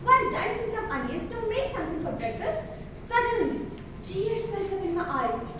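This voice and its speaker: Very high-pitched teenage girl declaiming, echoey hall. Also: big pitch swings. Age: teens. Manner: theatrical, emphatic delivery with dramatic pauses. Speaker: student declamation contestant. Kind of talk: rehearsed motivational competition speech. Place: large echoey indoor hall. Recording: very echoey hall, distant mic, noisy.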